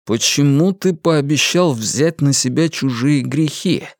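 A man voicing a stern dark-haired inquisitor who speaks coldly and slowly. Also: mid-range voice, sing-song, dry recording, studio quality. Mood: cold menace. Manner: cold, stern, slow.

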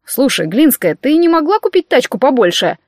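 A woman's voice: high-pitched, big pitch swings, normal speed, no room sound, studio quality, voice pushed up. A woman voicing a cocky, carefree young man who teases his girlfriend. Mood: teasing. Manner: carefree, teasing.

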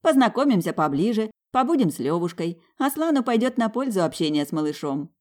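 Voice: medium pitch, very animated, a little fast, darkish tone, voice pushed up, lightly acted. A reader voicing a cheerful, decisive older woman in audiobook dialogue. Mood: pleased.

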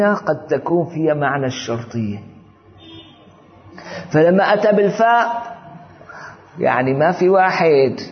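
A man giving an informal religious lesson, talking conversationally and often checking that listeners follow. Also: on the high side. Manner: conversational, often asks "you see?". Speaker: religious teacher. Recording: dull audio with long hall reverb.

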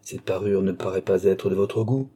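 A man's voice: sits low, moderate pace, mellow, husky. A man reading an audiobook, playing a vain, scheming old baron who talks with irony and cool command. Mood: ironic. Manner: ironic, coaxing, commanding.

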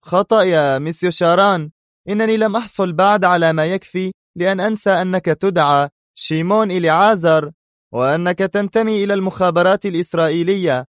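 A taunting, insolent traitor's voice, as a man reading the story puts it on, pitched high above his normal speech and pushed forward with greed. The audiobook recording is dry and close-miked. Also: dry recording, lightly acted. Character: spy impersonating a greedy male traitor on the phone.

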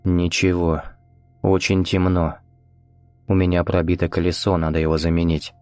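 A man voicing a frightened, hypnotized man in a horror audiobook, speaking in a halting, fearful way. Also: sits low, level tone, darkish tone, no room sound, faint music behind, lightly acted. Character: frightened hypnotized man reliving a dark night.

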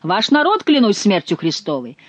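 A woman's voice: mid-range voice, big pitch swings, moderate pace, husky, no room sound. A woman voicing an indignant male courtier in torn clothes who complains to his king in an audiobook.

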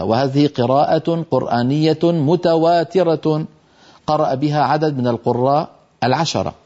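A man's voice: mid-range voice, warm tone, dull audio. An older man teaching Quran recitation on a televised lesson, explaining letter sounds patiently and pronouncing each example aloud.

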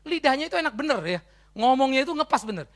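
A male pastor with a Batak accent, preaching a sermon in a lively, conversational storytelling way and acting out bits of dialogue. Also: very high-pitched, fast. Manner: animated storytelling, conversational asides; acts out dialogue in his story.

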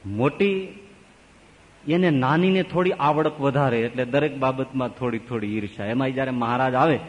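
A man, a swami, telling a story in a sermon, animated and swinging widely between high and low. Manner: animated, with wide pitch swings. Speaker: swami giving a religious discourse. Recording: long reverb of a large hall.

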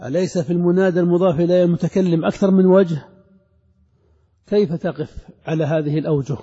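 Man, grammar teacher, slow recitation of examples, dark husky voice, lo-fi recording, long reverb. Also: high-pitched, steady tone. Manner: recites verse and examples slowly, then explains. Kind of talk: classical grammar lesson.

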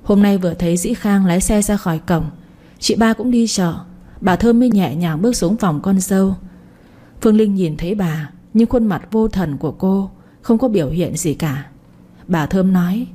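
A woman narrating a story in an even, gentle reading voice. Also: mid-range voice, normal speed.

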